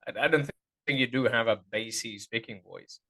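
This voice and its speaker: A man talks through vocal anatomy in a loose, unscripted interview, stopping often to find the right word. His voice sits in an ordinary middle pitch. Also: moderate pace, pushed and bright. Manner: hesitant, searching for words, many fillers. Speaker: guest voice teacher. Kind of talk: casual interview chat.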